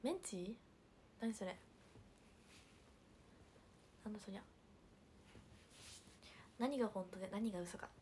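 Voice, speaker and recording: A young woman livestreaming, chatting casually and reading viewer comments, with a hint of Hiroshima dialect and soft murmured asides. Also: medium pitch, slow, long pauses, slight background noise. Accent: picking up Hiroshima dialect. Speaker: idol livestreamer.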